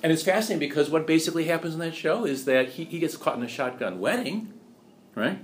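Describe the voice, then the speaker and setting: A man giving a lecture, chatty and animated, often asking rhetorical questions and laughing at his own points. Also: a little high, quick pace, slight background noise. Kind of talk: lecture on musical theater history.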